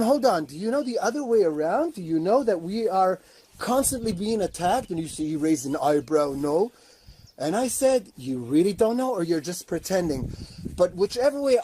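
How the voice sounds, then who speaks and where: A man from Israel talks in an earnest, animated way, pausing and restarting as he tells his story. His voice sits high for a man. A faint hiss of noise runs behind him. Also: low-quality recording. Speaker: guest, activist. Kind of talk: casual roundtable talk.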